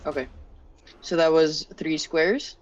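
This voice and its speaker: Brief: slow, easygoing game player on muffled audio. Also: mid-range voice, fairly even intonation. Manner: unhurried, asks rule questions. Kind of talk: casual tabletop play. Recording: dull lo-fi audio.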